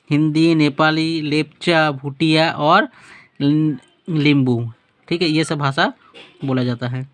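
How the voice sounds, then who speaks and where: A man's voice: on the high side, a bit bright. A male teacher giving a spoken lesson with a map. He asks questions and answers them himself, repeats words, and corrects his own slips as he goes.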